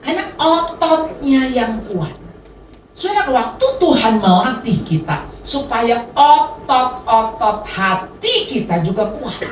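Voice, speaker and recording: A middle-aged woman pastor preaching a sermon, addressing the congregation directly in a lively way. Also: high voice, slight background noise. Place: church hall. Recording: echoey hall, voice from a distance.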